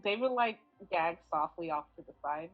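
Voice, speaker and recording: A woman with a lowish voice plays her character in a tabletop role-play game. She narrates in a casual, hesitant way. Her audio sounds dull, with faint music behind her. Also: lively intonation, normal speed. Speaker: player.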